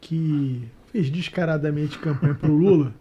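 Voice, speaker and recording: A man's voice: fairly high pitch, a little slow, husky, muffled recording. A Brazilian man on a political debate panel, talking sarcastically and mocking others' words. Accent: Brazilian Portuguese.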